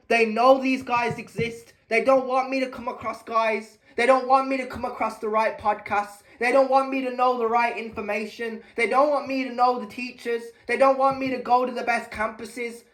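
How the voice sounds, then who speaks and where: A man's voice: extremely high pitch, steady tone, normal speed, few pauses, a bit bright. A man losing his voice, giving a heated vlog rant, emphatic and repetitive, swearing often. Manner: emphatic, repeats phrases, swears. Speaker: vlogger.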